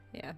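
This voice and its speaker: A woman streaming a video game, chatting casually and playfully, often laughing. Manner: laughing, playful, hums and sings along. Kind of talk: casual gameplay chat. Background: faint game music.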